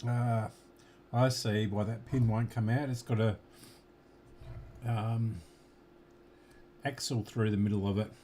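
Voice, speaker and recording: Working slowly at his bench, an Australian electronics repair hobbyist talks casually through a radio repair, muttering to himself and now and then speaking with his mouth full. His voice is on the low side, dark in tone and steady.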